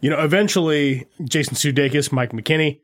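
A man in casual chat recapping a film scene by scene, laughing often and slipping into quick character voices. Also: fairly high pitch.

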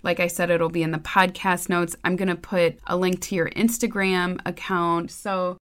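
A woman hosting a podcast interview, talking in a relaxed, reflective way with easy laughs. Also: on the low side, moderate pace. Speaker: podcast host. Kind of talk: casual interview chat.

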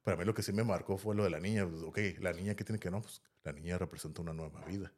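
A man's voice: low voice, rapid-fire, a little mellow, a little hiss or hum. A man with a Mexican accent telling a story in casual podcast chat, rambling and tagging his sentences with "¿no?". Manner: rambling, tags sentences with "¿no?" and "así". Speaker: podcast host.

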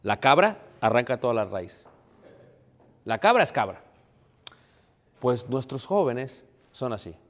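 A man's voice: medium pitch, very animated, a little slow, pauses often, a bit bright. A preaching man speaks to his congregation in a mid-range voice, dropping in English asides. His words ring out with the long reverb of a church hall. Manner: preachy, addresses congregation as brothers, mixes English phrases. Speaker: pastor. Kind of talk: sermon.

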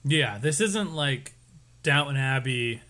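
A man co-hosting a casual TV-recap podcast. He talks in a lively way and tosses in playful, chuckling asides. His voice sits at a middle pitch. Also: slow pace. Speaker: podcast co-host. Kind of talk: casual chat recapping a TV episode.

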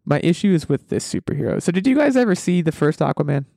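A man's voice: on the high side, very animated, fast, vocal fry, dark tone, no room sound, clean studio sound. A man hosting a casual pop culture podcast, speaking in an opinionated, emphatic way and often restarting his sentences. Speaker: podcast host. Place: basement room at home.

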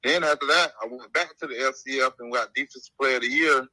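A man's voice: medium pitch, quick pace, sharp tone, no echo. A young man talking over a phone on speakerphone, held up to the mic, as a guest football player casually telling his career story and stringing events together. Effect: phone call played over speakerphone held to the mic. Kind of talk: casual rambling life story.

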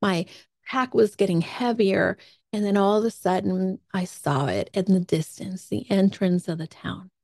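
A woman hosts her own podcast and tells a personal story with plenty of life. She acts out her own thoughts in little quoted asides, at a middle pitch for a woman. The recording is close and dry. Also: unhurried, darkish tone, no echo. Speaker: podcast host.

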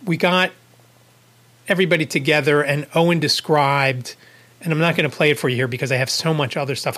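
A man with a somewhat high-pitched voice hosts his own podcast and tells a long personal story. He talks casually and rambles, restarting sentences and correcting himself. He drops in small chuckling asides along the way. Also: fairly bright tone. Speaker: podcast host.

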